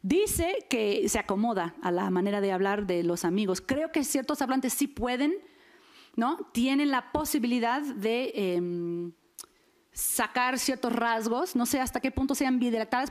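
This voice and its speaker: A woman giving an academic linguistics lecture to an audience, often checking in with short tag questions. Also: on the high side. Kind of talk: academic conference talk. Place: lecture hall.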